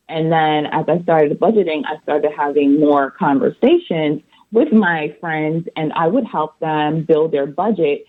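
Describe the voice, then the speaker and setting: A woman from Barbados, an accountant and author, calmly explaining her answers as a guest on a radio interview. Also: low-pitched. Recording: tinny phone line.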